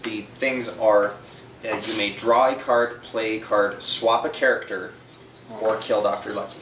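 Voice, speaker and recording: Brief: male game host, relaxed rule explainer, roomy distant sound. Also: on the low side, a little slow, a little hiss or hum. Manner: casual, loose, frequent "uh" fillers. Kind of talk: explaining rules at a board game table.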